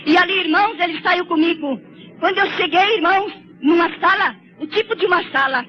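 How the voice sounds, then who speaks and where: A woman with a very high, piercing voice delivers an emotional testimony sermon. She talks fervently and tearfully and turns again and again to her brothers in the congregation. The recording is a little dull and lo-fi, with a faint hiss behind her. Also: fairly quick. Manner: fervent, tearful, keeps addressing listeners as brothers. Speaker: church sister giving a testimony.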